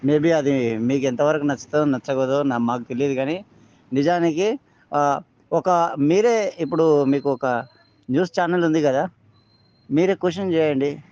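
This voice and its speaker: A man with a Telangana Telugu accent leaves an angry phone voice message, scolding and firing accusing questions. His voice sits fairly high but sounds dark and mellow. The recording is dull and lo-fi, like a phone voice note. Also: normal speed, long pauses. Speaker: angry member of the public.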